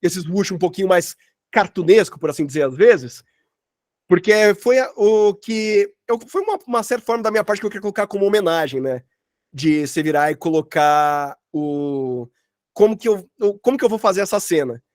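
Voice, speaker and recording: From home, in an online session, a Brazilian man teaches sound design informally, walking through examples with loose, slangy rambling. His high-pitched, slightly mellow voice moves at normal speed, in clean studio sound without echo.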